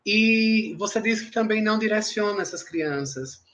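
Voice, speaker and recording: A man with a notably high voice moderating an online discussion over a video call. He asks long, winding questions and relays questions sent in by the audience. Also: normal speed, a bit bright. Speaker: panel mediator. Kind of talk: live online panel talk.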